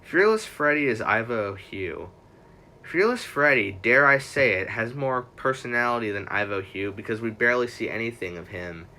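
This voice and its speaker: A man's voice: mid-range voice, expressive, normal speed, sharp tone, slight background noise. A young man hosting a livestream in a casual, rambling way, correcting himself often as he chats. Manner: rambling, self-correcting, chatty fan talk. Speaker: livestream host.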